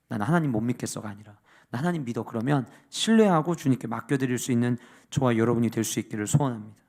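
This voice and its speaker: A man preaching a sermon as pastor. He rises to loud, emphatic peaks and drops to hushed asides. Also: medium pitch.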